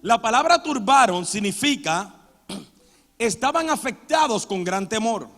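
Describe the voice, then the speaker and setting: A man preaching a sermon in a church, with sudden loud dramatic outbursts. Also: high-pitched, animated, a little slow. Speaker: pastor. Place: church sanctuary. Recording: long church hall reverb.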